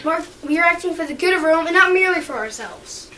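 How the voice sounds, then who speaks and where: A woman's voice: very high-pitched, expressive, fast, pushed and bright, heavily acted. A woman playing a principled, troubled Roman conspirator, speaking earnestly in an amateur stage performance. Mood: insistent. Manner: earnest, insistent. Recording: distant mic, noisy room.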